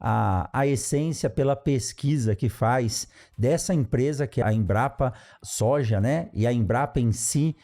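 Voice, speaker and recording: A podcast host introduces his guest on an agriculture show, warm and effusive in his praise, peppering his speech with "né" tag questions and restarts. His voice sits at medium pitch, and he speaks unhurriedly with hardly any pauses.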